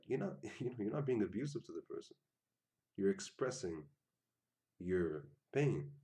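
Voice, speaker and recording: A man giving an earnest, casual spiritual talk, often repeating himself and acting out quoted lines in sudden loud bursts. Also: low voice. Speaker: spiritual teacher.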